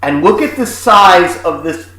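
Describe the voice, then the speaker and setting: A man in his forties, co-hosting a comedic rant, sarcastic and crude, with many fillers and pauses. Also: high voice, animated, sharp tone, echoey room, low-quality recording. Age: 40s. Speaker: co-host.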